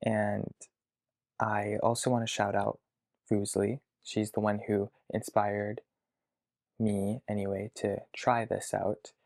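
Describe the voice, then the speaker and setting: A man of about twenty talking to his future self in a video diary from his childhood bedroom, hesitant and reflective, pausing to think aloud. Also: on the low side, flat delivery, vocal fry, darkish tone. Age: around 20. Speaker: vlogger.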